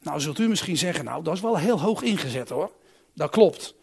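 A male preacher delivering a sermon with a fairly high, lively voice that leaps up and drops back down. He puts questions straight to his congregation. He moves between loud, emphatic calls and quiet, thoughtful asides. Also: a little fast, creaky, slightly rough. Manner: asks the congregation direct questions.

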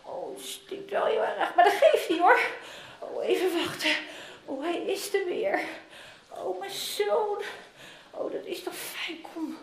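Woman voicing fond old father in a kids' Bible role-play, high lively voice, roomy echo. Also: takes it slowly, vocal fry, heavily acted. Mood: overjoyed. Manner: animated, coaxing, talks to the children. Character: loving older father longing for lost son. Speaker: children's Bible teacher. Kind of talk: interactive Bible story role-play for children. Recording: roomy echoing room.

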